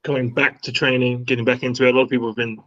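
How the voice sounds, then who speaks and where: A man's voice: medium pitch, little pitch movement, racing, a bit bright. A man, a fitness trainer, talking casually on a video call, his voice muffled and hollow as if from the bottom of a well. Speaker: fitness trainer, guest on live stream. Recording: dull lo-fi call audio.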